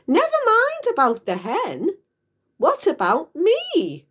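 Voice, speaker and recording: Storybook grandma, elderly and bossy, very high cackling shouts with wild swoops played by a female reader. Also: huge pitch swings, takes it slowly, full character voice. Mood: demanding, indignant. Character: loud, demanding, cackling old grandmother.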